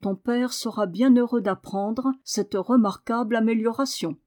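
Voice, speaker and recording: A woman voicing a kindly, puzzled male doctor in an audiobook, gentle and reassuring. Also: a little high, measured pace, close to an everyday voice. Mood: soothing. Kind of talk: audiobook reading.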